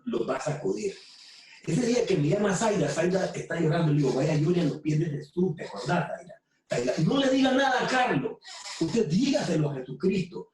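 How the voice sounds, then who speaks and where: A woman with a Nicaraguan accent preaching to a women's group, fervent, repeating words and slowing down to stress key phrases. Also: sits low, dark tone. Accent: Nicaraguan Spanish. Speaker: women's ministry speaker. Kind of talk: preaching talk. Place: room with phones streaming. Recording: very echoey room from a distant mic with faint noise.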